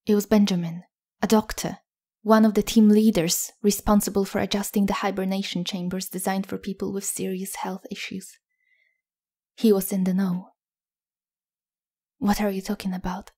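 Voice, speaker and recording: A woman narrating an audio story in a soft, scripted delivery that often drops near a whisper. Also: mid-range voice, little pitch movement, moderate pace.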